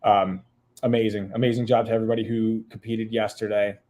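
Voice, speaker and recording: A man's voice: on the low side, flat delivery, a little fast, warm tone. A man hosting a casual podcast, upbeat as he reads out live comments and thanks listeners. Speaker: podcast host.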